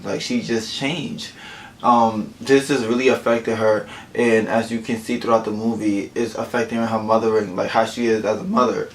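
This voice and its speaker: A male vlogger chats casually to camera while eating, recapping a film and rambling with lots of "like" fillers and self-corrections. His voice is medium-pitched, and the camera-mic recording is rough with slight background noise.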